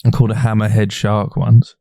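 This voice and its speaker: A young man chatting as a podcast co-host. He is laid-back, laughs easily and swears casually. His voice sits fairly low and is recorded close and dry. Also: monotone, a little fast, vocal fry, mellow, dry recording. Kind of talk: casual chat.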